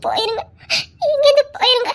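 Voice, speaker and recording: A woman's voice: extremely high pitch, steady tone, brisk. An actress voicing a frightened but defiant young woman in an audio drama, who stammers and pleads with nervous laughter. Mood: panicked. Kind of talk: Tamil audio drama acting.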